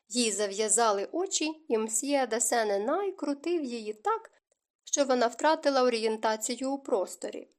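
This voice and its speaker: A woman narrating a historical romance audiobook in a smooth, even storytelling manner. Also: fairly high pitch. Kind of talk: scripted narration.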